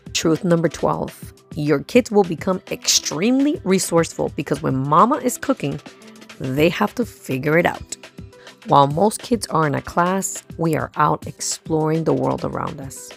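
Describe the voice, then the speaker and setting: Her voice sits low and gravelly as this homeschooling mother narrates a vlog she hosts. The delivery sounds scripted, punctuated by short emphatic phrases and rhetorical questions, over background music.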